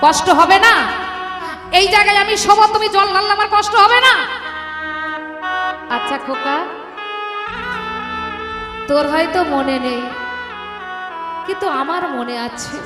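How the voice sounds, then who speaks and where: A woman voicing a loving aging mother who pleads softly and tenderly. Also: high voice, slow, pauses often, voice pushed down. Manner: soft, pleading, tender, swells into sung cries. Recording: echoey hall with live music behind.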